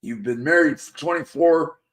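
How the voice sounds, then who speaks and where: A man with a fairly high voice talks at a moderate pace as host of a casual live chat show. He's losing his voice, rambles chattily, and reads viewer comments aloud.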